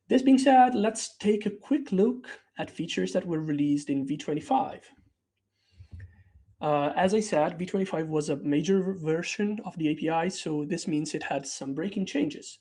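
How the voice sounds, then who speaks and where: Mellow and somewhat high, this man's voice carries a technical product update delivered in a chatty style. Italian is his first language, and as a developer relations presenter he often restarts and uses fillers.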